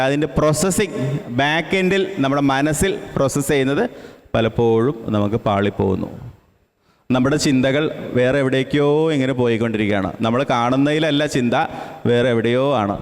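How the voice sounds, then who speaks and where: A man running an interactive session for a children's camp. He echoes each child's answer back, encourages them and mixes English phrases into his speech. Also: medium pitch. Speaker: camp trainer. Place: large indoor hall with an audience. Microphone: handheld microphone. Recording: long reverb of a large hall.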